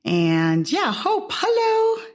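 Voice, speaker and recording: A woman hosting an interview podcast, introducing guests and encouraging them with warm affirmations. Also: extremely high pitch, huge pitch swings, very slow. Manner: friendly, encouraging, many affirmations. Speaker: podcast host. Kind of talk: casual interview chat.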